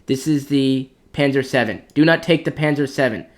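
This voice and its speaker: A clan commander with a mid-range voice ranks tanks for competitive play at a moderate pace. His casual gaming commentary is blunt and opinionated, and he thinks aloud as he works through the list.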